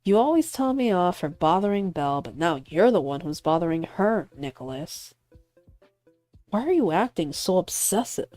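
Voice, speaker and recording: A woman voicing a smug young male actor who teases and provokes his rival, calm and mocking. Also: fairly low pitch, normal speed, dry recording, soft background music. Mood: smug teasing.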